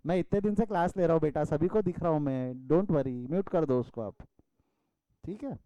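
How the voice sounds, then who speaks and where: A man's voice: fairly high pitch, moderate pace, warm tone, dry recording, muffled recording. A male commerce teacher from India giving an online class lecture over a video call, calling students "beta" and scolding them playfully.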